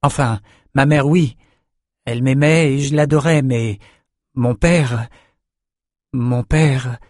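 A man's voice: mid-range voice, slow pace, darkish tone, no room sound, clean studio sound, voice pushed up, natural voice. A man voicing a troubled young man in an audiobook, defensive and strained. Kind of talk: audiobook character voice.

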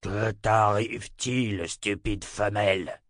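A man voicing a cruel, imperious emperor who speaks slowly and coldly. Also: on the low side, steady tone, no echo, studio quality. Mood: menacing. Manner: slow, cold, commanding.

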